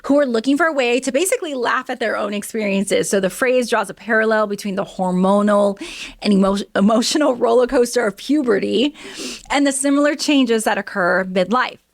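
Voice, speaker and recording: A woman's voice: fairly high pitch, brisk, gravelly, dry recording, clean studio sound. Candid chatty woman in her forties. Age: 40s. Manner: candid, chatty, reads items aloud then reacts. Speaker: host. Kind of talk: solo news commentary podcast.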